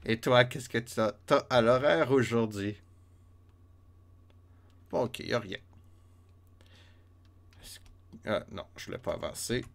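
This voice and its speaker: A man's voice: medium pitch, expressive, takes it slowly, creaky, long pauses. A man with a Québécois French accent streaming a retro game live, muttering step counts and chatting with his viewers. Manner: counts steps under his breath, chats with viewers. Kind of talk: live let's play chat.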